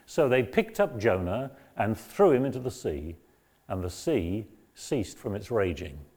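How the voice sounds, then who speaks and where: A man giving a lecture on a Bible book, reading passages aloud and explaining them in a measured way. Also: fairly low pitch, sing-song, a little mellow, slightly rough. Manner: measured, explanatory, raises voice when quoting. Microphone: battery-powered mic.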